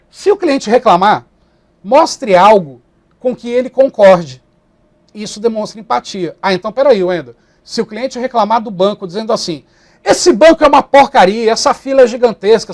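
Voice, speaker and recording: High-voiced animated male teacher. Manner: animated, acts out customers and clerks in quick voices. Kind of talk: lively online lecture.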